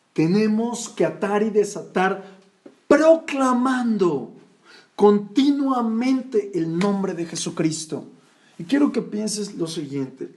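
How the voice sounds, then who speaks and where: A man's voice: a little high, darkish tone. A man preaching a sermon, emphatic and addressing the congregation as his brothers. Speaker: pastor.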